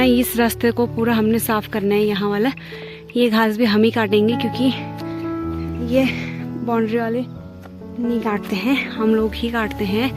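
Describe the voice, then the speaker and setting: A chatty village vlogger from the Kumaon hills of Uttarakhand narrates a casual walking vlog in a slightly high voice. Outdoors on hill paths and village roads, she talks to her viewers as friends.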